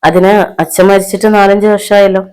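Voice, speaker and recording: Woman doing a fed-up young wife, sharp and cutting, storybook heroine. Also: mid-range voice, fairly even intonation, normal speed, smooth, natural voice, low-quality recording. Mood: defiant.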